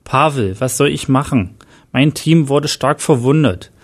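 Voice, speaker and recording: A man's voice: medium pitch, a little slow. A man voicing a grieving male team leader, shaken but determined, who speaks urgently with emotional outbursts.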